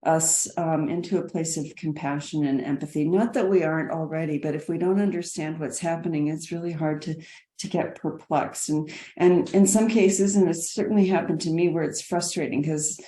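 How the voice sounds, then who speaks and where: A woman's voice: low-pitched, steady tone, moderate pace, mellow, reverberant. A woman, a nursing educator, explaining slides in an earnest way and often repeating words as she goes.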